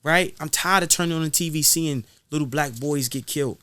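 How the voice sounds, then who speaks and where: This guest rapper's voice is fairly high, bright, pushed, and smooth, delivered at a brisk clip without echo. In an interview he sounds passionate and sermon-like, driving his points home through repetition.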